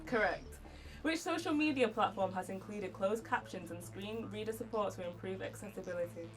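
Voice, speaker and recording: A woman hosts a scripted quiz show in a mid-range voice, reading the questions briskly and tripping over a word now and then. She sounds a little distant from the microphone, with faint music playing underneath. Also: mid-range voice. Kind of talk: scripted game show hosting.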